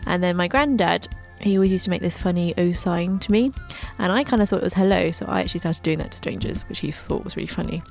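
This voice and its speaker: A young woman in her twenties tells her life story as scripted narration, with light joking asides along the way. Her voice sits low and carries a gravelly, creaky edge, with soft music faintly behind her. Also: quick pace, few pauses. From England. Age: 20s. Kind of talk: scripted narration over a drawing video.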